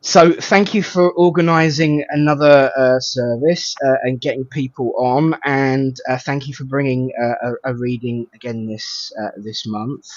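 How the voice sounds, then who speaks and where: A man's voice: mid-range voice, fairly even intonation, unhurried, few pauses, dry recording. Chatty Estuary English man, dry muffled sound. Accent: southern English Estuary. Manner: chatty, colloquial, jokey. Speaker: host of an online spiritual service. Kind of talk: informal welcoming of guests and viewers.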